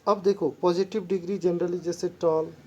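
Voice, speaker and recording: A woman's voice: fairly low pitch, steady tone, dark tone, dull audio. A woman teaching English grammar in a lesson, mixing Hindi and English and spelling words out letter by letter. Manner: slow, halting delivery when reading English rules. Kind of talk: classroom-style lesson explanation.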